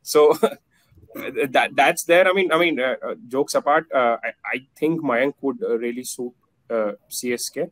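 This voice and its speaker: A man's voice: mid-range voice, a little slow, fairly bright tone, dry recording, rough recording. A man in his thirties giving cricket analysis on a video call, with many fillers and restarts. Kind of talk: casual panel discussion. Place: plain indoor room. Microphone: video call webcam.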